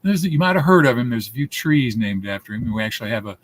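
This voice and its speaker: A man's voice: medium pitch, lively intonation, quick pace. A man in his seventies, a guest telling stories in a casual interview, rambling with many restarts. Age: 70s.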